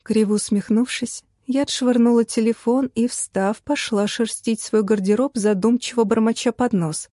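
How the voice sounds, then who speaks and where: A young woman reading a first-person novel aloud in a lively, wry storytelling voice. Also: a little high, normal speed, few pauses, no room sound, clean studio sound. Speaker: audiobook narrator. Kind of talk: first-person audiobook narration.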